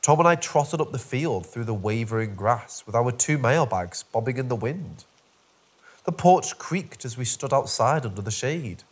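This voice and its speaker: A man narrating a scripted first-person horror story with wry, dark humour. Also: mid-range voice, expressive, normal speed, slightly rough.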